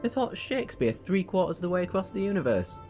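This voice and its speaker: Man as the Doctor, an animated time traveller. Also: sits high, fast. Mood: admiring, playful. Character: kindly, whimsical adventurer and time traveller, warm protector. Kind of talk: audio drama acting. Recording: faint music behind the voice.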